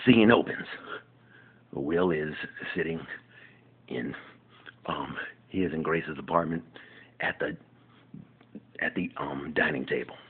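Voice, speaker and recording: A man's voice: a bass voice, slow pace, long pauses, husky. A man rambling through a casual monologue, mumbling and often dropping into half-whispered asides. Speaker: amateur pitching a show idea. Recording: tinny phone-like recording.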